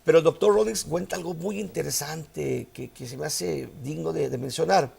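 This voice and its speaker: Male preacher, fairly high and gravelly, storytelling sermon. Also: normal speed, a little mellow. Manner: storytelling preacher, rising to emphatic outbursts. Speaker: pastor.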